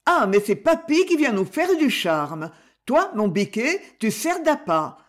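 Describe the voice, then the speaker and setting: Feisty old woman in her 70s, read by a woman, higher and brassy, blunt teaser. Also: very animated, unhurried. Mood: amused. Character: feisty elderly woman from the south of France.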